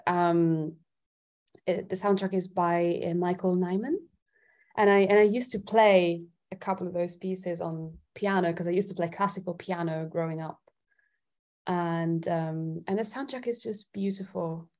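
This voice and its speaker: With a lowish, slightly mellow voice, an Italian woman chats casually as a guest in an interview, giggling a little. A singer-songwriter, she feels her way through her phrases as she talks.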